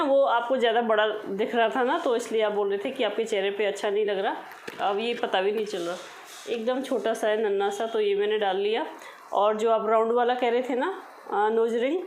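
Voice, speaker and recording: A woman's voice: fairly high pitch, slight background noise, poor audio. Chatty woman vlogging at home. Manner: chatty, addresses viewers directly. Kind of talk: casual home vlog chat.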